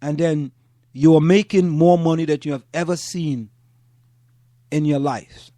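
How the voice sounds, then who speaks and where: A man from Trinidad hosting a casual talk show, an animated storyteller who acts out what others say into a studio microphone. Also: a little high, unhurried, no echo. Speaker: host.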